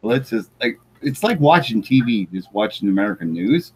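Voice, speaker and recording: A man from Canada chats on a panel with a husky, slightly rough voice. He is blunt and laughs easily. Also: fairly low pitch, lively intonation, moderate pace. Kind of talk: casual panel chat.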